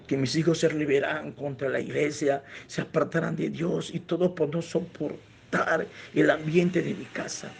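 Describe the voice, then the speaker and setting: Man, pastor, sermon storytelling, earnest, very slow, gravelly. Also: fairly high pitch, a little mellow, a little hiss or hum. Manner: earnest, reflective, addresses listeners as brothers.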